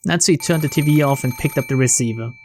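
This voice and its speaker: This let's player voices visual novel narration and breaks off for cursing, offhand reactions. The mid-range voice moves quickly, and there's slight background noise.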